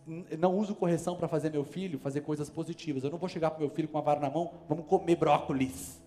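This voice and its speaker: A man's voice: on the high side, fairly even intonation, rapid-fire, dark tone, soft background music. A man with a Brazilian Portuguese accent preaching a sermon as a pastor, emphatic and building in force. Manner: emphatic, preaching with rising force and sudden calls. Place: church service.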